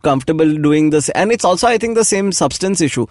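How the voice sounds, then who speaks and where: A man's voice: on the high side, expressive, fast talker, a little mellow, no echo, studio quality. A man with an Indian accent in casual chat, slangy, dropping Hindi words into his English. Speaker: comedian.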